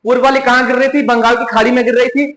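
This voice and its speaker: A man's voice: very high voice, little pitch movement, racing, fairly bright tone. A man with a Hindi accent teaching an exam-prep lesson, repeating each question and answering it himself. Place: coaching classroom. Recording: echoey room.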